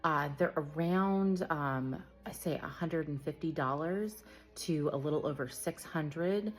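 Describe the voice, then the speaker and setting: Woman, low-pitched voice, casual vlog explainer, filler words, self-corrections. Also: unhurried, faint music behind. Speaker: travel vlogger.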